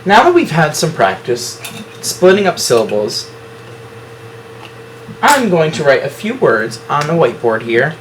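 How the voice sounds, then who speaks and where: A man's voice: fairly high pitch, sing-song, measured pace, long pauses, a little hiss or hum, low-quality recording. A man teaching a phonics lesson to a class, explaining syllables at the whiteboard and praising students often.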